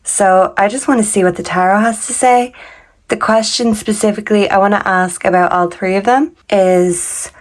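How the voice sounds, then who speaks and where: A woman doing a casual tarot reading, her voice deeper than usual because she is sick, talking in a halting way and sometimes stumbling over words. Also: steady tone. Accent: Canadian. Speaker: tarot reader.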